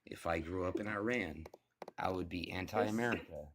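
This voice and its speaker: A man with a very low voice talks as a guest on a live stream. He is hesitant, stumbling over and repeating his words as he makes his case. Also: normal speed, noisy background. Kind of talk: casual live stream debate.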